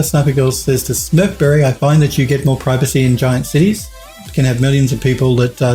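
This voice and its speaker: Australian male streamer, 40s, casual rambling chat, mid pitch, soft music bed. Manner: rambling, chatty, many restarts and chuckles. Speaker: 3D modelling streamer. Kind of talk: casual live-stream chat reading viewer comments. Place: home studio at a desk.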